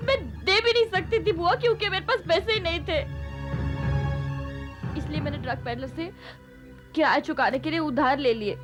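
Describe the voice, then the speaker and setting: A woman's voice: extremely high pitch, moderate pace, long pauses, over music. A woman playing a frightened young niece who confesses hesitantly. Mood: fearful. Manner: tearful, hesitant. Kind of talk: Hindi TV serial acting.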